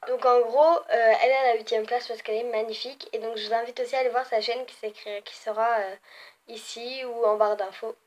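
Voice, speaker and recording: A young woman chatting casually in a vlog, filling pauses with "euh" and often correcting herself as she ranks her favourites. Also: on the high side, steady tone, darkish tone. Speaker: beauty vlogger. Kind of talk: casual ranking video.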